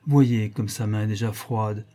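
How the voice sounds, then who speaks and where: A man's voice: on the low side, steady tone, measured pace, mellow. A man voicing a teasing, flustered noble lady in a storybook reading, coaxing and scolding by turns.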